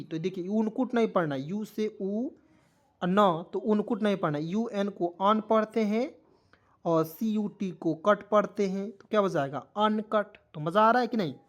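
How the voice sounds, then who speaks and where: A man leads a video lesson on English spelling. He spells each word out letter by letter, then repeats it slowly and patiently. He keeps talking straight to the viewers as his friends. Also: sits high. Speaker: English teacher. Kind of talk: online spelling lesson in Hindi.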